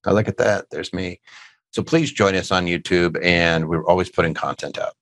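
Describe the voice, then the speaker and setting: A man's voice: deep voice, moderate pace, fairly bright tone, no room sound. A middle-aged man hosting a casual tax question show, answering listener questions and cracking dad jokes. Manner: joking, rambling, dad-humor asides.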